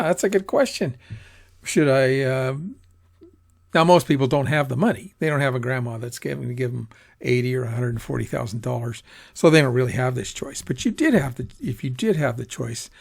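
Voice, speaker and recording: Here a teacher's medium-pitched voice sounds slightly rough, with vocal fry. Lecturing informally about personal finance, he rambles in a conversational way, corrects himself mid-thought, and acts out quoted remarks.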